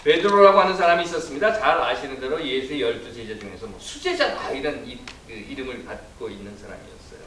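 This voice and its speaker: A man, a pastor giving a Sunday sermon, telling stories and acting out quoted voices with sudden jumps in pitch and loudness. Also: sing-song, quick pace, hardly any pauses. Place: church sanctuary. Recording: roomy echo from a distant mic, faint hiss.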